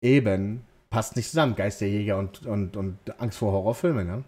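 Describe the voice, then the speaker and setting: A man's voice: lowish voice, normal speed, noisy background. A man giving rambling, joking let's play commentary at home, talking back to the game. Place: at home, lawnmower outside.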